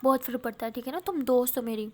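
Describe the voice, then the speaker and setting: A woman's voice: high-pitched, rapid-fire, close to an everyday voice. A woman voicing a bold young college woman who talks bluntly and teases. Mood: firm. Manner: teasing, blunt.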